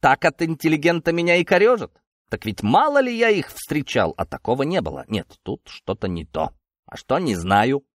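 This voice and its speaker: A man's voice: a little high, normal speed, no room sound, studio quality, voice pushed up. A man voicing an agitated, blunt party secretary of rural roots who speaks emphatically. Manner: excited, emphatic, rustic bluntness.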